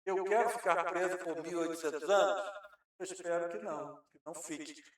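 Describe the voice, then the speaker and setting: A man's voice: sits high, fairly quick. A man with a Brazilian Portuguese accent giving a Spiritist lecture to an audience, explaining patiently and posing rhetorical questions he then answers. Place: lecture hall. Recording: very echoey hall, mic far off.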